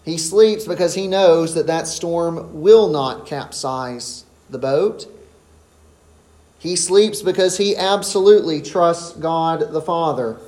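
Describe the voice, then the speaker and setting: A man's voice: on the high side, darkish tone, roomy sound. A man preaching an expository sermon in an earnest, emphatic way. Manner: earnest, emphatic, rises sharply when voicing the disciples.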